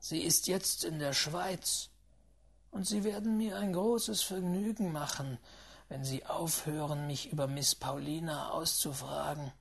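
A reader voicing a reserved, earnest Englishman who speaks in a hushed, half-whispered, measured way in an audiobook. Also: medium pitch, steady tone, gravelly, slightly rough. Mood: stern. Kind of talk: audiobook reading.

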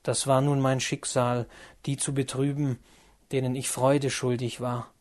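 A man narrating a classic novel as an audiobook, measured and solemn. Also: medium pitch, little pitch movement, darkish tone.

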